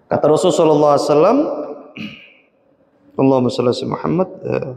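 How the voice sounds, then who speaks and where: A man preaching to youth in a mosque, telling a story with rhetorical questions and quick self-corrections. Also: on the high side, creaky, a little mellow, a little hiss or hum. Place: mosque hall. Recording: echoey hall, dull lo-fi sound.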